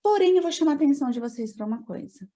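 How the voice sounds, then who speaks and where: A woman's voice: high voice, lively intonation, rapid-fire, dark tone. A woman teaching a training lecture on learning disorders, explaining in a didactic way and putting rhetorical questions to her audience.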